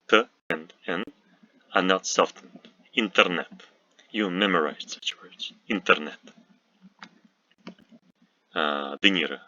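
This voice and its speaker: Male language teacher, Russian accent, very low bright-edged voice, unhurried, muffled dry recording. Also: no room sound. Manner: slow and deliberate, with frequent "uh" pauses and repeated example words.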